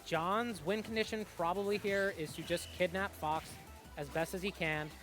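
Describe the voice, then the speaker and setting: A young man calls a fighting game tournament live, excitable and quick to react, with plenty of fillers between his reads of the action. His voice sits a little higher than most, and music plays behind the commentary. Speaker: esports commentator.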